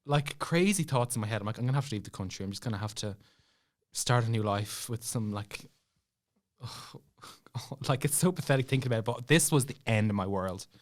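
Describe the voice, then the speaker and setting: This young adult with an Irish accent is a podcast guest recounting something that happened to him, his medium-pitched voice moving briskly. The chat is casual, and he performs snippets of dialogue along the way, breaking into laughing asides.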